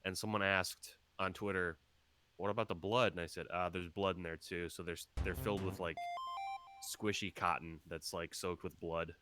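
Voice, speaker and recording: Low bright-toned man chatting casually. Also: fairly even intonation. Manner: laid-back, quick agreeing interjections. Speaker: panelist. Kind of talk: casual chat on a livestream panel.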